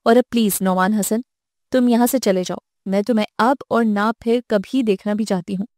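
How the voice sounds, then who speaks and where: A woman's voice: mid-range voice, steady tone, a little mellow, dry recording, studio quality, close to an everyday voice. Woman reading a defiant young wife, cold and cutting, storybook. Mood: bitter. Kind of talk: audiobook character voice.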